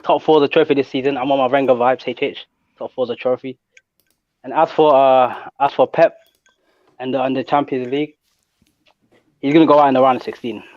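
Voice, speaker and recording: A man's voice: mid-range voice, fairly even intonation, fairly quick, long pauses, no room sound. A man on a casual online football panel, sarcastic and teasing. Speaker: guest panelist. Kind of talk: casual online group chat. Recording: dull call audio.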